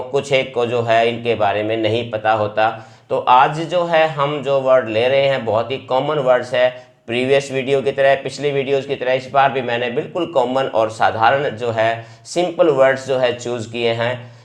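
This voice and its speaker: Man, English teacher, vocabulary lesson, patient, repeats words, mid-pitched voice. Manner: explains patiently, repeats each word several times.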